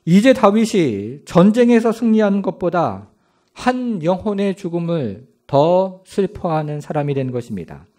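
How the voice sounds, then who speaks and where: A man preaches a sermon in a dramatic storytelling manner and puts rhetorical questions to his congregation. His voice sits fairly high. His pitch swings widely from phrase to phrase. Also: very animated, unhurried, warm tone. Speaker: pastor.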